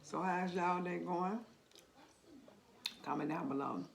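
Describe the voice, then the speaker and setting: Female mukbang host, unhurried casual talk, loud smacking and slurping, noisy recording. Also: lowish voice. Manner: chewing noisily, smacking and slurping. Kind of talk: casual mukbang chat while eating. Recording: clearly noisy background.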